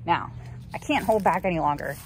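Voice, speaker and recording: Outdoors with a handheld phone, a thirty-something gardening vlogger gives a chatty, informal garden tour peppered with cheerful asides. She talks briskly in a lowish voice that has vocal fry. Outdoor ambient noise runs underneath.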